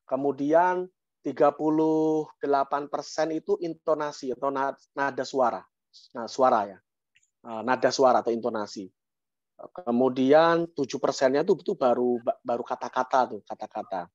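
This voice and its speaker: A man with an Indonesian accent giving a motivational mentoring talk on an online call, lively, with sudden rises and repeated phrases for emphasis. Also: mid-range voice, normal speed, no room sound. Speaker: guest speaker, business mentor. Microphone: online call microphone. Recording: dry, dull online-call audio.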